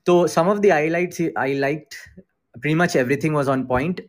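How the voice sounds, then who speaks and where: A casual man with an Indian accent hosts an online group call about crypto investing, speaking at a normal speed in a fairly high voice. He keeps things informal and slips Hindi phrases into his English.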